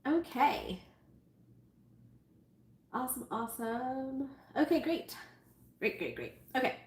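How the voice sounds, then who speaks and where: A sewing livestream host with a stuffy, nasal voice that sits high greets her viewers, animated yet slow-paced, chatty and self-amused. She's running a casual live tutorial in an echoey room where faint noise can be heard.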